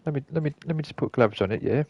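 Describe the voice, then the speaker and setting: Gravelly-voiced male game streamer. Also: mid-range voice, animated, racing, muffled recording. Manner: rambling, self-correcting, swears casually. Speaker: gaming streamer. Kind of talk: casual gameplay commentary.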